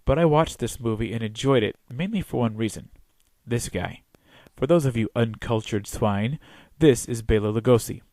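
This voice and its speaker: A man's voice: mid-range voice, normal speed, darkish tone, no echo. A man narrating a scripted film review as the reviewer, in a wry, opinionated way.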